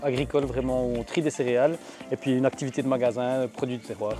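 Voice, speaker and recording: A man's voice: mid-range voice, steady tone, very fast, dark tone. A man, explaining his work casually as an interview guest. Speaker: farm centre manager, interview guest. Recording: music behind the voice.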